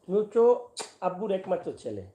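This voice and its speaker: A father films a casual family vlog in a fairly high voice for a man. He switches between gently coaxing and teasing his little boy and chatting with his viewers. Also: big pitch swings, quick pace. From Sylhet, Bangladesh.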